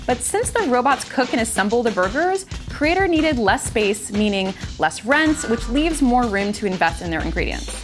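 A woman in her thirties narrates a scripted tech explainer with a bright, conversational lift, her voice pitched somewhat high. Music plays steadily beneath her. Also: sing-song, normal speed, few pauses. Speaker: video host and narrator.

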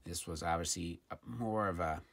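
Low, creaky and a bit bright, this man's voice runs at normal speed as he casually demos a gadget at an indoor tabletop. He sounds informal and a little hesitant, thinking aloud while reviewing it. Faint noise and clicks from handling come through.

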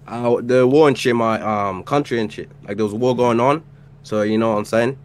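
A man's voice: mid-range voice, fairly quick, a little hiss or hum. A man in his twenties from Egypt, flirting with an easy slang manner as a contestant on a dating stream. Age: 20s. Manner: laid-back slang, flirty, says "for sure" and "I bet". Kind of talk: casual flirty chat.

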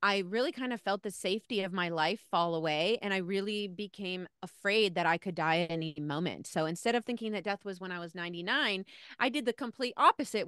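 30s woman telling her story, super clear smooth voice, dry close mic, earnest. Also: on the low side, no room sound. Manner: earnest, animated hand gestures. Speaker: guest, spiritual teacher and author. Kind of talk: personal storytelling in interview. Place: home room, video call. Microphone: handheld-style mic on stand, close.

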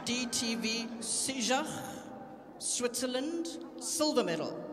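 A man making formal public address announcements at a sports event, heard through the loudspeakers of a large arena. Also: extremely high pitch, expressive, slow pace, heavy background noise. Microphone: PA system heard through the hall. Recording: long reverb of a big sports hall.

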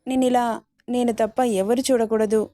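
A woman voicing a teasing, possessive young man in a spoken romance story, in a playful, gently possessive manner. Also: fairly high pitch, fairly even intonation, a little slow, no echo, close to an everyday voice.

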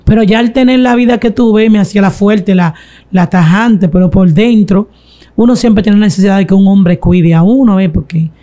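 A woman giving a slow, reflective confessional testimony in an interview. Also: medium pitch, dark tone. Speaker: guest telling her testimony.

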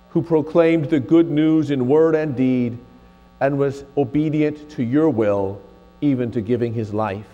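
A man leading a eucharistic prayer in slow, measured liturgical chant, his voice ringing with cathedral echo. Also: on the high side, dull audio. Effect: cathedral echo, long church reverb. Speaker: presiding minister. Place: large church sanctuary. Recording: long cathedral reverb, soft music behind.

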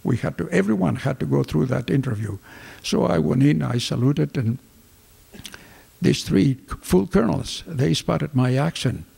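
Speaking at normal speed in a slightly high, gravelly voice with a Greek accent, an elderly former fighter pilot tells war stories with animated hand gestures, performing the dialogue himself. Desk mics sit before him in a flag-lined office, yet the audio echoes like a large hall.

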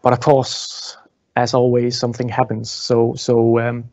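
Halting man guiding a museum tour. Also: mid-range voice, monotone, a little mellow, no echo. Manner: halting, many fillers and restarts, gestures while talking. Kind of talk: live guided museum tour. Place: indoor museum exhibition hall. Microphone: clip-on lapel mic. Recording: dull lo-fi sound.

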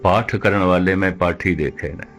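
An older man giving a measured religious discourse, repeating phrases and slowing down to recite scripture. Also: low voice, steady tone, a bit bright, faint music behind. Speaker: Sikh preacher giving katha.

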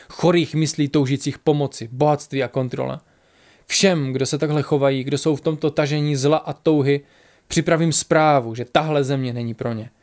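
A man voicing a grieving, furious male tiger warrior who shouts with passion in a storybook. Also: a little high, close to an everyday voice. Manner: shouting, impassioned.

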